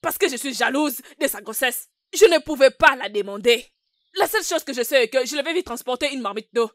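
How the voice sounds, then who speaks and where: A woman's voice: high-pitched, expressive, a little fast, a bit bright, dry recording, clean studio sound. A woman voicing a jealous, scheming co-wife in a dubbed film, harsh and threatening. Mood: resentful.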